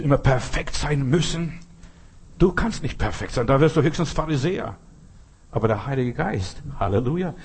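A man preaching with a husky, slightly breathy voice. He talks straight to the listener, leaning hard on repeated phrases and pointed asides. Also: mid-range voice, a little mellow. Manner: direct, addresses listener as du, emphatic repetitions. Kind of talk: sermon.

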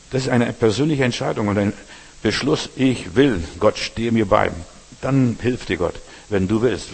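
Husky-voiced preacher man in a hall. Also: fairly low pitch, darkish tone. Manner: direct address with frequent "verstehst du". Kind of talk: sermon.

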